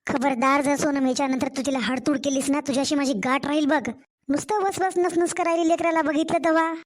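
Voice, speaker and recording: A woman voicing a kind, caring older grandmother in an animated storybook, speaking slowly and heartfelt with a Marathwada Marathi accent. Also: high-pitched, lightly acted. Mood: scolding. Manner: tender, pleading, slow and heartfelt.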